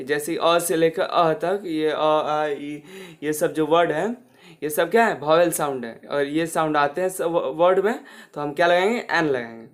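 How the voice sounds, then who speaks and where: A man's voice: on the high side, unhurried. A man teaching an English grammar class, speaking with a Hindi accent. He poses a question and answers it himself, and he repeats the key words.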